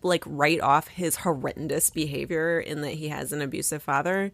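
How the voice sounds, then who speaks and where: A woman's voice: low-pitched, moderate pace, vocal fry, fairly bright tone, dry recording. A woman co-hosting a podcast, chatting casually and giving blunt opinions about TV shows. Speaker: podcast co-host. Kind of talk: casual chat.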